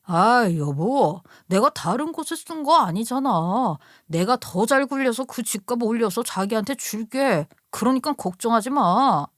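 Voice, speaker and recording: A woman's voice: on the high side, animated, a little slow, hardly any pauses, no echo, clean studio sound. A woman voicing a sheepish, apologetic middle-aged husband who pleads and wheedles in a storybook radio tale. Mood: coaxing.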